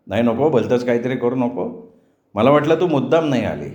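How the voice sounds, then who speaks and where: A man voicing a young village man talking calmly with his sweetheart, for an audiobook with roomy echo. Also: medium pitch, brisk, highs cut off, lightly acted.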